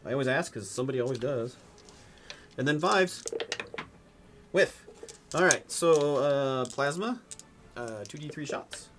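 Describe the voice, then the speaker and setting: A man in his forties playing a tabletop wargame and chatting casually, animated, with loud excited outbursts. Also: mid-range voice, unhurried, pauses often, faint music behind. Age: 40s. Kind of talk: casual banter over a tabletop game.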